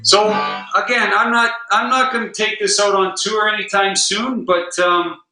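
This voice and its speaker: A man's voice: high voice, steady tone, normal speed, music in the background. A man guest-hosting a podcast, chatting casually and easily with fillers. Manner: easygoing, rambling with fillers. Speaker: guest host and guitar player. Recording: roomy echo.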